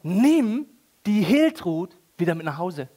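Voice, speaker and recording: A man's voice: high voice, very animated, slow, dark tone, heavily acted. A man voicing God as exasperated and sarcastic, sending a worthless offering back. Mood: indignant. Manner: sarcastic, indignant.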